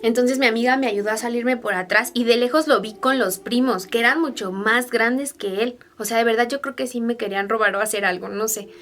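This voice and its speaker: A woman's voice: fairly high pitch, steady tone, brisk, hardly any pauses, a bit bright. A young woman telling personal stories to camera in a chatty way, full of fillers and asides to her viewers. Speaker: vlogger.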